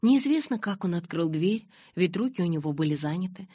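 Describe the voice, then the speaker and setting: A woman narrating an audiobook in the first person with a steady, expressive reading. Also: fairly low pitch, brisk, slightly rough, no echo, clean studio sound.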